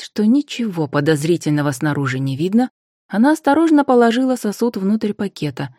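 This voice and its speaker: A woman reading fantasy narration for an audiobook in an even, measured storytelling manner, close to the studio mic. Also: lowish voice, dry recording.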